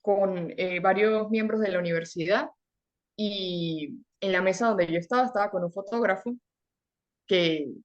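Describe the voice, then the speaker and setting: A young adult woman from Venezuela, a guest in an interview, telling her story in an earnest, animated way, often repeating words for emphasis. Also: mid-range voice, a little slow, lo-fi sound. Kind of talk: conversational interview.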